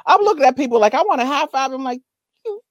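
A woman's voice: high-pitched, fast, no echo, studio quality. A woman co-hosting a podcast in casual chat, telling a story with lots of laughter and acted-out quotes over a remote call. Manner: animated storyteller, laughs often, acts out quotes. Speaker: podcast co-host. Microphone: remote call mic.

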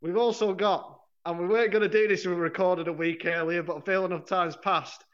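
A man's voice: high-pitched, steady tone, brisk. A man co-hosting a football podcast in casual chat, rambling and correcting himself, laughing often. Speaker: podcast co-host. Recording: dull lo-fi sound.

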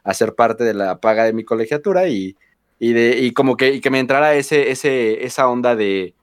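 A man's voice: medium pitch, normal speed. A young man chatting casually with friends, hesitant and full of fillers and slang. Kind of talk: casual chat among friends.

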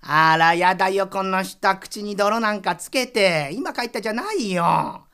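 A woman voicing a miser's wife who scolds him sharply and quickly. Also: mid-range voice, lively intonation, a bit bright, clear, resonant tone, voice pushed down. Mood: scolding.

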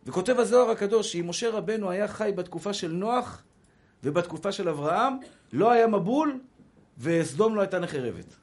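High-voiced rabbi preaching animatedly. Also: male voice. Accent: Israeli Hebrew. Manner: animated, acts out quoted dialogue; addresses listeners as brothers. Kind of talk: sermon.

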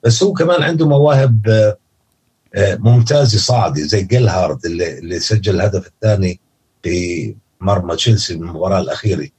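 Male football analyst, Levantine Arabic accent, very raspy and relaxed, casual talk with frequent self-corrections. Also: low-pitched, fast talker. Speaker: football pundit, podcast guest.

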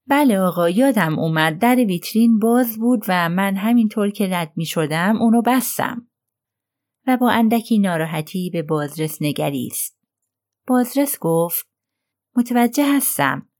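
A woman's voice: medium pitch, animated, darkish tone. A woman narrating a crime novel as an audiobook, voicing the characters lightly in her own voice. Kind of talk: reading a crime novel aloud.

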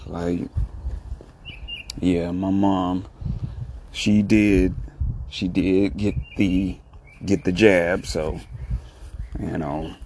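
A man hosting a solo podcast in casual talk, keeping his voice low and hushed, in halting short phrases. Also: slight background noise. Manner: low, hushed talking so as not to disturb someone. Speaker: podcast host.

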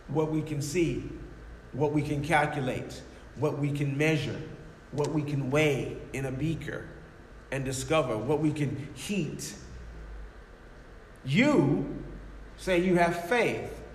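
A man's voice: fairly high pitch, takes it slowly, long pauses. Man playing a scoffing skeptical atheist. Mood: dismissive. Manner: mocking, challenging, rhetorical questions. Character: scoffing skeptical male atheist arguing at the door. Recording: echoey hall with faint noise.

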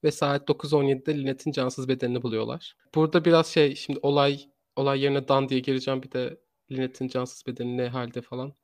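A man tells a true crime story in a conversational podcast style at a medium pitch. He halts to find words and often restates what he just said. The sound is close and very dry, with no room echo. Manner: rephrases and repeats his own sentences.

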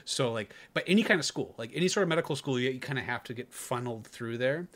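A young former Navy corpsman tells a war story in casual podcast chat, profane and animated, laughing through his punchlines. His voice is medium in pitch and he talks fast.

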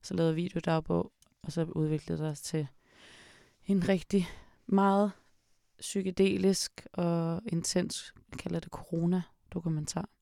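Gravelly-voiced young woman podcast host. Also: lowish voice, steady tone, mellow, no echo, clean studio sound. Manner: frank, sarcastic, swears often. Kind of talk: casual chat.

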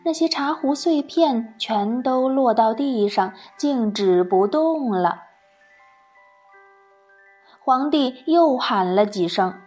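A woman narrating a children's story in an expressive, storytelling way. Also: mid-range voice.

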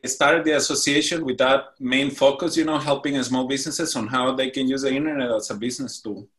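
A man's voice: mid-range voice, steady tone, fairly bright tone. A man from Mexico, a guest on a talk show, answering interview questions earnestly with frequent restarts. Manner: earnest, halting with fillers and restarts. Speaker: guest, business association founder.

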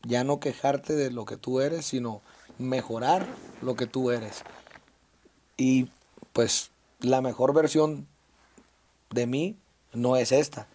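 A man's voice: medium pitch, steady tone, takes it slowly, pauses often, mellow. A man in his thirties from Sinaloa, Mexico, speaking as an interview guest, reflective and full of fillers and restarts. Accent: Mexican Spanish, Sinaloa. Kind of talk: casual conversational interview.

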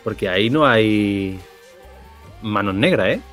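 A man of about forty with a Cádiz accent, speaking as an interview guest. He rambles in a relaxed way and corrects himself mid-sentence. Faint music hums behind him on an online call. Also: lowish voice, takes it slowly. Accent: Andalusian, Cádiz. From Cádiz, Spain. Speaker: guest, animator. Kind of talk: casual interview answers. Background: faint background music.

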